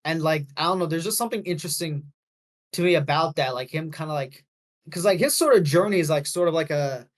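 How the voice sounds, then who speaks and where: A man's voice: fairly high pitch, expressive, fast. A man co-hosting a podcast, chatting casually about a movie, rambling with lots of fillers and restarts. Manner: rambling, heavy on fillers, self-correcting. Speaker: podcast co-host.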